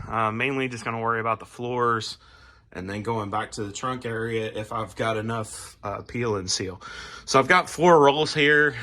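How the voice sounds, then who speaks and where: This garage channel host films a relaxed how-to vlog while fixing a car, rambling along with lots of fillers. He's a man getting over a cold, so there's a little rasp in his mid-range voice, which sounds pushed and bright.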